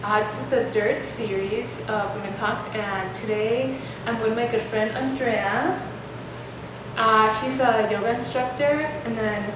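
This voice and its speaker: A woman's voice: a little high, steady tone, a little slow. A young woman hosting a casual chat, rambling and filling her sentences with "like" and "um". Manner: rambling, many fillers like "like". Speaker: host. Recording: echoey room, distant mic, noisy.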